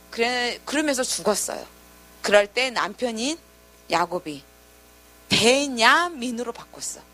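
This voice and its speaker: A woman's voice: on the high side, bright, forceful tone. A woman pastor preaching to a youth group, telling a story with acted quotes and questions to her listeners. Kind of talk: sermon to teenagers.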